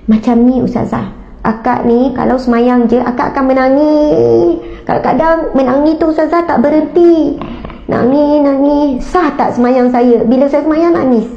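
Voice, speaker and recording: A woman's voice: high-pitched, fairly even intonation, moderate pace, highs cut off. A woman with a Malaysian Malay accent quoting a poor, devout, grateful young mother who speaks humbly and earnestly.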